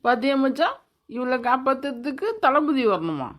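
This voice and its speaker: A cocky little street thug in a cartoon, voiced by a woman, with a slightly high voice. He taunts and swaggers. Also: sing-song, normal speed, fairly bright tone. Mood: taunting. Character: short cocky male street thug, mocking. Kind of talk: cartoon voice acting.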